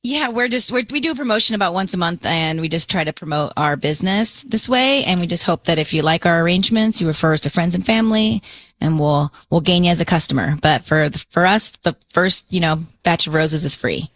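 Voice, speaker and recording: Woman with a friendly sales pitch. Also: expressive, a little fast, fairly bright tone, dry recording. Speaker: radio co-host posing as a florist. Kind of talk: scripted phone pitch.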